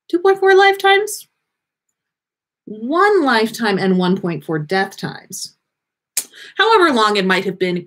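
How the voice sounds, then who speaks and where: This livestream features a female podcast host reading fan fiction amid casual banter. She speaks at a fairly high pitch, swearing freely while teasing and staying playful and expressive.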